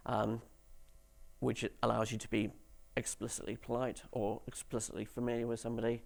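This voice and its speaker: On stage in a conference hall, a man gives a talk to developers, using dry, sarcastic humour and putting questions to the audience. His mid-range voice is monotone, fairly quick and creaky.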